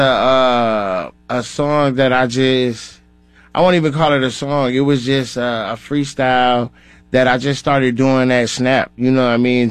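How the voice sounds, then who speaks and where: A man's voice: medium pitch, clean tone, no room sound. Chill rapper dude in his 30s on a radio show, slangy, keeps saying you know what im saying, dry mic. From Minnesota, grew up in Atlanta. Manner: laid-back, slangy, says "you know what I'm saying" often. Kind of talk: casual interview.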